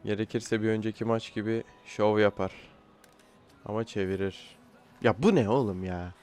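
A man's voice: lowish voice, fairly even intonation, normal speed, darkish tone, smooth. A young man giving casual live commentary while playing a football video game, often frustrated and blurting out complaints at his players. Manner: frustrated outbursts, swearing at players. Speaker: gaming YouTuber.

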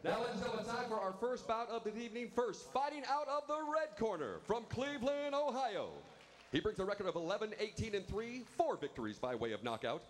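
A male ring announcer introduces the fighters in a booming, drawn-out style. His voice is high and swings widely in pitch. The sound rings with long arena reverb and a faint hum of noise. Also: sing-song.

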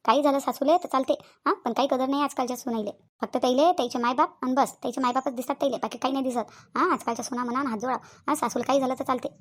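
A woman's voice: high voice, rapid-fire, few pauses. A woman with a Vidarbha Marathi accent voicing an ailing, complaining old mother-in-law who grumbles and scolds in a cartoon. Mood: self-pitying. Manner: grumbling, self-pitying, scolding. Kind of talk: cartoon voice acting.

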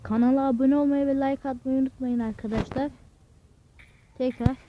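A young man hosting a mobile gaming channel, giving excitable, casual commentary while he plays and talks to his viewers. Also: very high voice, moderate pace, lo-fi sound, background noise. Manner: excitable, keeps urging "vur vur" at enemies and talking to viewers. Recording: loud game sound effects behind the voice.

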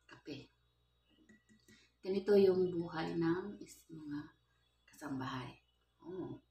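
A woman's voice: low-pitched, slow, dark tone, echoey room. A middle-aged woman chatting casually in a home vlog, laughing often and mixing English into her Tagalog, filmed on a phone on a stand in her kitchen. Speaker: vlogger, household helper.

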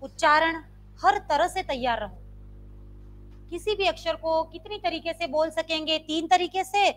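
A woman's voice: very high voice, a little slow, a little hiss or hum. A woman Sanskrit teacher, teaching a live online grammar class and quizzing her students with repeated questions. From India. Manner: quizzing students with repeated questions, demonstrating loud and soft sounds.

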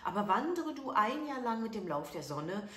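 A woman's voice: mid-range voice, big pitch swings, moderate pace, a bit bright, voice pushed up. A woman voicing a very old wise woman who gives plain, matter-of-fact advice, in a roomy recording. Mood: calm. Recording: echoey room.

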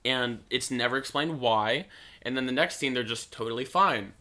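A young man chats casually about a film he watched. His bright voice carries a sarcastic, rambling tone, and he leans on "like" as he recaps the plot. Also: mid-range voice, moderate pace. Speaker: co-host reviewing a movie. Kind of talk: casual chat.

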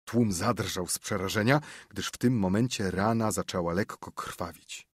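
A man narrating a classic novel in a measured, expressive storytelling manner. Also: on the low side, breathy edge, no room sound, studio quality. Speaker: audiobook narrator. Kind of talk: scripted literary narration.

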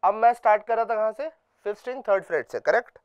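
A man's voice: sits high, rapid-fire, smooth, highs cut off. A man teaching a guitar class. He patiently goes over each point again and again and keeps checking in with his students. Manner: patient, drills points by repeating them. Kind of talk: music lesson. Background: faint guitar playing.

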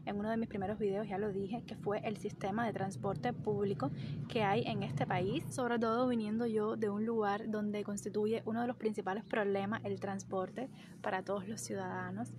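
A young woman from Cuba, speaking with a Cuban Spanish accent, vlogs casually and enthusiastically into a phone camera held at arm's length. She stands outdoors by trees on a street with traffic noise behind her. Her voice is medium in pitch, level in tone, and moderately paced.

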